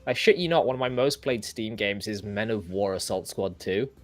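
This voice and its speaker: A man's voice: on the low side, moderate pace, soft background music. An English man hosting a casual livestream chat, rambling and self-deprecating with many restarts. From England. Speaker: host.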